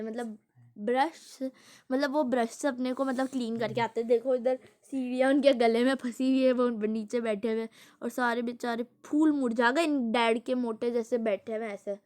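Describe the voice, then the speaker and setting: A woman's voice: a little high, fairly even intonation, moderate pace, a little mellow, dry recording, clean studio sound. Chatty woman explaining a storybook. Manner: chatty, explains words at length, amused. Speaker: storybook reader explaining a picture book. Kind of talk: casual read-aloud with explanations.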